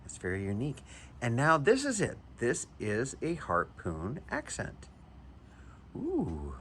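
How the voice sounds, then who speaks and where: A man's voice: medium pitch, wildly swooping pitch, slow, a bit bright, a little hiss or hum. A man and knife collector giving a chatty, enthusiastic show-and-tell review, with chuckles and hesitant restarts.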